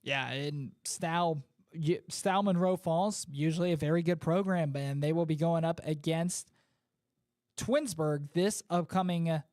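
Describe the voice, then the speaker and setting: Male sports talk host, high voice, dry close studio mic. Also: a little slow, darkish tone, no echo. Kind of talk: high school football talk show.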